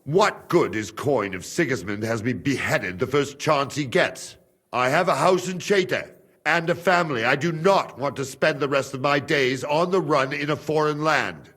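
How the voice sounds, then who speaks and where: A calm, steady castle guard. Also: male voice, fairly high pitch. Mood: worried. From Buda. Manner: calm, measured, firm. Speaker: guard loyal to the king.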